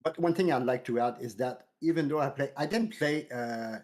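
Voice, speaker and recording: A man co-hosting a casual gaming chat, earnest and measured, restarting phrases as he talks. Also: mid-range voice, darkish tone. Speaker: co-host.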